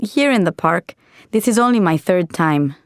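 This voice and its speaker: A woman's voice: fairly low pitch, expressive, moderate pace, smooth, no room sound, clean studio sound. An actress playing a helpful, upbeat young woman in a scripted textbook dialogue. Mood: cheerful.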